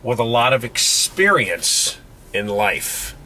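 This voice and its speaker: Man, competitive shooter, plain mid-pitched voice, matter-of-fact walkthrough outdoors, on a camera mic with noise behind him. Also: sing-song, takes it slowly. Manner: matter-of-fact, explanatory, counts out shot sequences. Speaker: competitive pistol shooter and vlogger. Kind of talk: casual on-location walkthrough. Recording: noisy outdoor camera audio.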